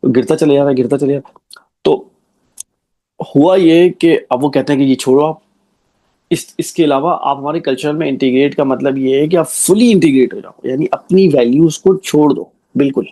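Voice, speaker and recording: Gravelly-voiced man making an argument. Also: on the high side, moderate pace, mellow. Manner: argumentative, rhetorical questions, frequent check-in tags. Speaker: commentator. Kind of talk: explanatory commentary monologue.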